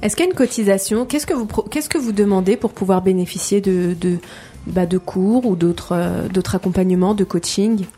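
A woman hosting a radio talk show, interviewing guests in a halting way with many fillers. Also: mid-range voice, mellow, slightly rough, faint music behind.

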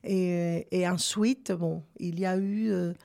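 A woman from Cuba, a singer and actress giving a radio interview and speaking hesitantly with many filler pauses. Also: fairly low pitch, fairly even intonation, creaky, mellow.

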